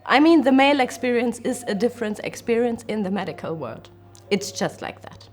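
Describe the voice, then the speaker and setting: A woman from Germany speaking heartfelt and emotional in a documentary interview, with soft laughs. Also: a little high, expressive, fairly quick. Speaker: interviewee, climber. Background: background music.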